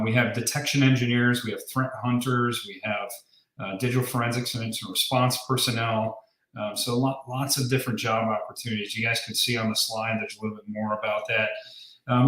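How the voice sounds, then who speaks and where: A man's voice: medium pitch, fairly bright tone, roomy sound, low-quality recording. A man giving an informal, explanatory recruiting presentation to a group on a call, as a recruiter listing open positions.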